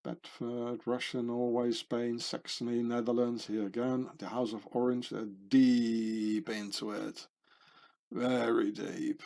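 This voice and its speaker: Talking over pictures on his channel, the host wanders through a monologue packed with fillers and tag questions. His medium-pitched voice is flat, slow and a little mellow, with vocal fry.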